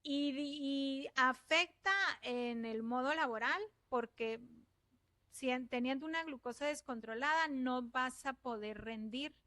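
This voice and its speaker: A Mexican woman speaking as a nutritionist guest in an interview, laying out her points calmly and patiently. Her voice sits a little high, and the sound is dry and close, with no room around it. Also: measured pace, dry recording. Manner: patient, explains step by step, agrees readily. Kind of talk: explanatory interview talk.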